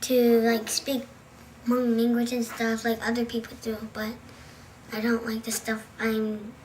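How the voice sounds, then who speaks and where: A teenage girl from the United States speaking in a halting, unsure way in a documentary interview. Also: fairly high pitch, completely flat delivery, darkish tone, slight background noise, low-quality recording. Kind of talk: personal testimony in a documentary interview.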